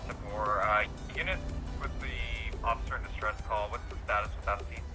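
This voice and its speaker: A man's voice: lowish voice, steady tone, fairly quick, over music. A man playing a police officer in roleplay, calling out clipped radio codes with frequent fillers over a walkie-talkie.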